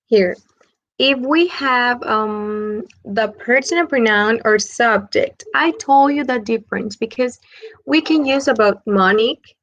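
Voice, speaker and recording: A woman teaches English grammar, stepping slowly through each example. Her voice sits a little high with a gravelly edge. The sound is dry and somewhat dull. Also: fairly bright tone, dry recording. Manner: switches between Spanish and English, slow over example sentences. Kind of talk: online grammar lesson.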